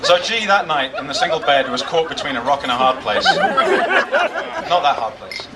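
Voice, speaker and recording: A man's voice: a little high, expressive, fast. A man giving a jokey wedding toast speech as best man, with dry, self-deprecating humor. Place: wedding reception with guests. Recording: distant mic in noisy crowded room. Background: crowd noise and guests.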